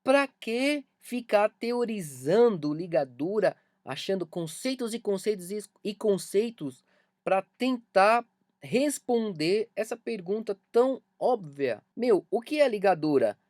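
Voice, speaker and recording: A man's voice: sits high, animated, slow, a little mellow, no room sound, studio quality. A man with a Brazilian Portuguese accent gives an online music lesson, talking emphatically and repeating key points to drive them home. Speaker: music teacher.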